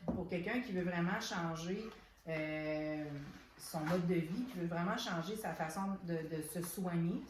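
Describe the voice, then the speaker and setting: A chatty woman with a Québécois accent walks through products in a relaxed unboxing chat, stumbling over words and leaning on "donc". Her voice sits a bit low for a woman. It rings in an echoey room. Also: measured pace, noisy background. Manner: chatty, many restarts and "donc" fillers. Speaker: soap shop owner presenting products.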